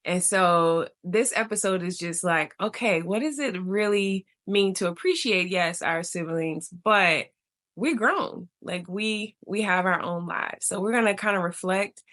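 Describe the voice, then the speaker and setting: A woman's voice: mid-range voice, a little slow, a bit bright. A woman from Texas hosting a casual podcast chat over a remote call. She talks in a playful, slangy way and laughs often. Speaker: podcast host.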